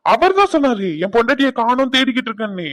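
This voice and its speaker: A man's voice: very high voice, lively intonation, fast talker, a bit bright. Man voicing a teasing cartoon prankster. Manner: mocking, teasing, laughs often. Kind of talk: cartoon voice acting.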